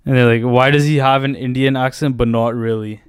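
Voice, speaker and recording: A man's voice: medium pitch, fairly even intonation, brisk, clean tone, no room sound, clean studio sound. A young man with a western Canadian accent, co-hosting a podcast in a casual, slangy, sweary style as he chats and reads out comments. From Surrey, British Columbia, Canada. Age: young adult. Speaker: podcast co-host. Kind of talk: casual chat, reading out comments.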